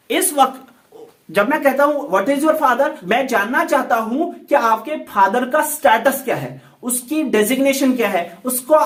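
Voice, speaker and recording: A man teaching English grammar in Hindi, slowly repeating example sentences. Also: extremely high pitch, fairly bright tone, far from the mic. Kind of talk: grammar lesson explained in Hindi. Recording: echoey room, set back from the mic.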